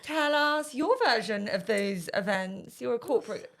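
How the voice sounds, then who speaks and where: Chatty podcast host, woman, higher voice with a very animated pitch. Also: measured pace, creaky. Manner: chatty, lively interviewer. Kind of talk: casual chat.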